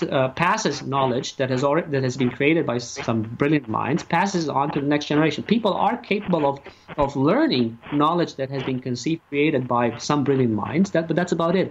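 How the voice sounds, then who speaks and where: A man giving opinions as a radio interview guest, speaking haltingly and emphatically and repeating his phrases. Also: a little high. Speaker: talk show guest and activist. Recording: muffled lo-fi audio, faint noise.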